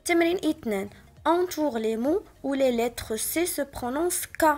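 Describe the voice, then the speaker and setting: A woman with a Moroccan Arabic accent teaches remotely in a high, clear voice. She takes each example slowly and spells it out with patience. Soft music plays faintly beneath her. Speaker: primary school teacher. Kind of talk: remote French spelling lesson explained in Arabic.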